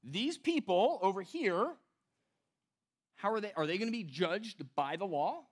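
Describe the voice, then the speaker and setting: A man's voice: sits high, expressive, measured pace. A middle-aged man preaching a conversational teaching sermon, with a slight whistle on his s sounds, breaking off and putting questions to his listeners. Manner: self-interrupting, rhetorical questions, talks directly to listeners. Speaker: pastor preaching to a congregation.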